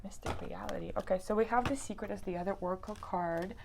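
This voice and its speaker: A woman's voice: mid-range voice, fast talker, creaky, background noise. Chatty woman giving a tarot reading. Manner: chatty and heartfelt, many fillers like "like" and "you know"; reads card texts aloud in a calmer tone. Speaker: tarot card reader. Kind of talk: casual spoken tarot reading to viewers.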